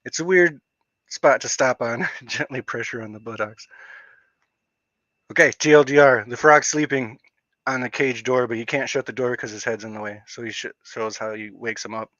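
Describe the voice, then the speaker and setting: A man hosting a casual livestream, rambling and excitable, with lots of filler words. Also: medium pitch, normal speed, dry recording. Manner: rambling, excitable, heavy use of "like". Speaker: livestream host. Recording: dull lo-fi dry stream audio.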